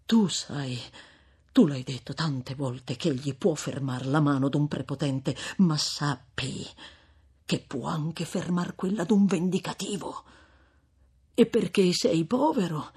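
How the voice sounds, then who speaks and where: A man voicing a stern, fervent old friar in an audiobook reading of a classic novel, thundering rebukes and dropping to grave, hushed pleas. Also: fairly high pitch, breathy edge, full character voice.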